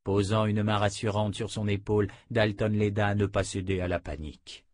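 Reading an audiobook, a man tells the story in a steady, measured way. His voice sits fairly low, and the recording is dry and clean, made in a studio.

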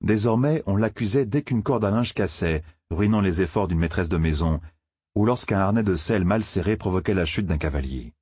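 A man narrating a fantasy novel as an audiobook, expressive storytelling. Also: low-pitched, husky, no room sound, studio quality.

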